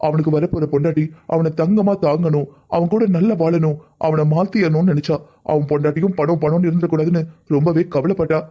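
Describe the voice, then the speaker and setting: A man voicing a kind older father-in-law who talks gently and reassuringly in a cartoon family drama. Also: fairly high pitch, lightly acted. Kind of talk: cartoon voice acting.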